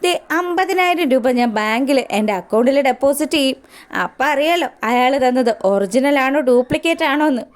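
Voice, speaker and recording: A woman voicing a greedy, boastful man in a retold serial scene, with a lowered, gruff and offhand delivery. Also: animated, brisk. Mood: scheming.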